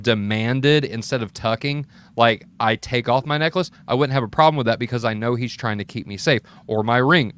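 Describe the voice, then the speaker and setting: Guy chatting on a call, smooth clear voice, dry mic, keeps asking "right?". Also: medium pitch, a bit bright, dry recording. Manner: explains with examples, keeps checking in with "right?". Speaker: welder on an open mic panel. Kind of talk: casual chat.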